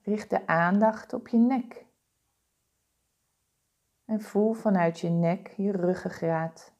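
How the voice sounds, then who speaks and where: A woman guiding a body-scan meditation with slow, soothing, calm instructions. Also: medium pitch, lo-fi sound. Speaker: meditation guide.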